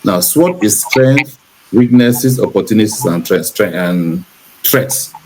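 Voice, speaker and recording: A man from Cameroon hosting a talk show discussion, speaking in a measured, preachy way and repeating points for emphasis. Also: lowish voice, animated, noisy background.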